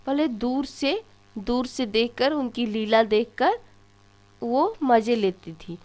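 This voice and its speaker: A woman's voice: fairly high pitch, animated, takes it slowly, darkish tone. A young woman teaching an exam-prep lesson, telling little stories and asking questions that she then answers herself. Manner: storytelling, asks questions and answers them herself.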